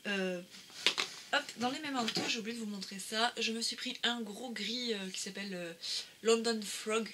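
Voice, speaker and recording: A woman's voice: a little high, moderate pace, background noise. A woman talking casually through a craft-supply haul, with many fillers and restarts. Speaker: craft vlogger.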